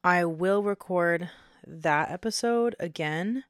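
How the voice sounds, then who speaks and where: A young woman hosting her own podcast in casual chat, dramatic and quick to take back what she just said, swinging between soft and loud. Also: fairly low pitch, no echo, studio quality. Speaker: podcast host. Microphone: home podcast mic.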